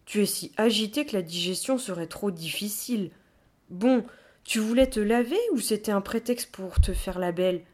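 A woman's voice: medium pitch, normal speed, natural voice. A woman voicing a female gorilla guardian who scolds firmly but cares underneath. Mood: dry, matter-of-fact. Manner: scolding, then awkward and gentle.

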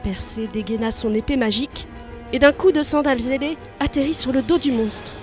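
A woman's voice: high voice, brisk, a little mellow, faint music behind. Woman storyteller, vivid narration. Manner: vivid, rising with the action. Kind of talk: scripted narration.

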